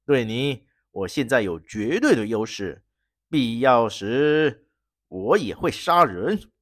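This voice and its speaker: Narrator putting on a smug, slow villain baron. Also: big pitch swings, no room sound, clean studio sound. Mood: mocking. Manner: slow, mocking and low. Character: scheming male baron villain, smug and cold. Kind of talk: storybook reading.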